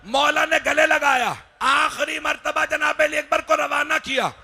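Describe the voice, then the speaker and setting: A man giving an impassioned Muharram majlis recitation, crying out the story and dropping into low, quiet asides. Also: fairly even intonation, a little slow, gravelly. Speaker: majlis orator.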